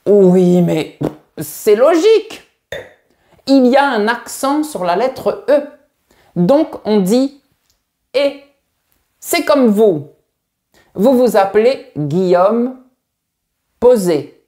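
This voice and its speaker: A man's voice: sits high, expressive, extremely slow, pauses often, mellow, voice pushed up, exaggerated voice. A man voicing a pompous elderly male creator of the French language, talking in a grand, formal, lecturing way. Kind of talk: comic teaching sketch.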